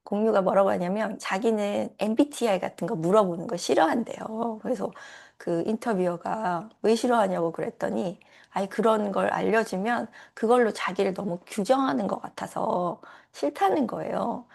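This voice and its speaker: A woman coach giving a gentle, reassuring talk in a casual style. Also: medium pitch, normal speed, gravelly.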